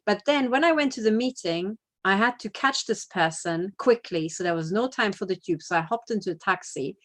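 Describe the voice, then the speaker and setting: A woman's voice: mid-range voice, lively intonation, normal speed. A woman giving a casual spoken report. She talks bluntly and emphatically, swears freely, and keeps checking in with "you know" and "right?". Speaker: activist giving a video report.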